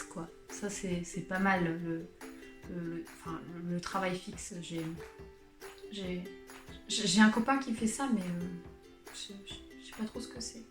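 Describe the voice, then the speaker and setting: A woman's voice: medium pitch, a bit bright. Self-mocking young woman in an echoey room. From born in Switzerland, Portuguese family. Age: late 20s. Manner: colloquial, self-mocking, rambling with sighs and laughs. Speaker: vlogger, channel host. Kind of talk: casual confessional chat to camera. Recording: roomy echo with music underneath.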